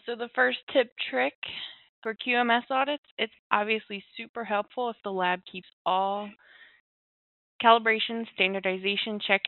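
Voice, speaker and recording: A woman guest reading prepared tips in a clear, steady way. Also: medium pitch, no echo. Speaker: staff guest sharing tips. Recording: dry, tinny, phone-like line.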